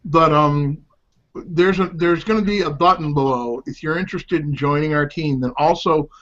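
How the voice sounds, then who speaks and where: A middle-aged man giving a casual, candid promotional talk to camera, with halting, slightly slurred speech as if half his mouth is numb from the dentist. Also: a little high, a bit bright. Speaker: home-based business promoter. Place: small home office. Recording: dull, lo-fi sound.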